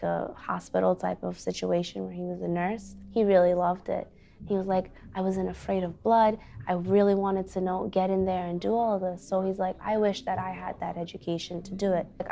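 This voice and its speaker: A woman's voice: medium pitch, creaky, warm tone. A young woman from Afghanistan, a teacher, speaking earnestly and reflectively in a documentary interview, with frequent "like" and "you know". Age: young adult.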